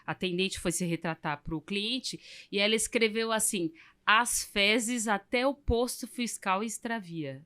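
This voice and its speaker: A woman with a Brazilian Portuguese accent hosting a casual podcast conversation, telling stories in a halting way with many restarts. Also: medium pitch, fairly bright tone, clear, resonant tone.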